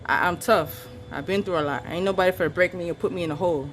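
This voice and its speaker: A woman's voice: lowish voice, fast, a little hiss or hum. Defiant woman venting bluntly. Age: adult parent of three children. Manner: blunt, profane, emphatic and defiant. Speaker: vlogger recounting her arrest. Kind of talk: angry storytelling vent.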